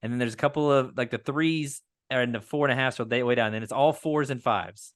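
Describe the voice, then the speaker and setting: A playful man co-hosting a casual movie podcast, quick to laugh and to crack a joke. His pitch is ordinary and middle-range, and he talks like he is chatting with friends. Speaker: podcast co-host.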